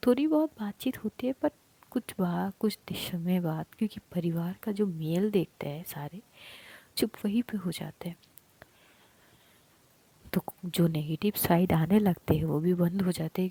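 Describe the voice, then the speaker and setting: A woman narrating a love story as a whispered role-play, softly voicing each character's lines. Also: lowish voice, creaky, husky. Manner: soft unvoiced whisper, acting out characters' lines.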